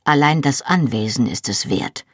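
A reader voicing a sardonic, scheming middle-aged Highland chieftain who speaks quietly and insinuatingly in an audiobook. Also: male voice, lively intonation, moderate pace, husky, dry recording, clean studio sound. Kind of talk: audiobook character voice.

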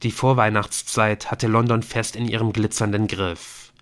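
A man narrating an audiobook in a measured, even storytelling manner. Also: on the low side.

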